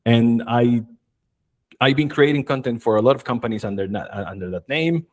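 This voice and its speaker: Male guest, 40s, from Chile; mid-pitched, upbeat, loose conversational delivery. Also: brisk. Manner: enthusiastic, storytelling, frequent fillers. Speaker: guest, marketing and video expert. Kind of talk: casual interview chat.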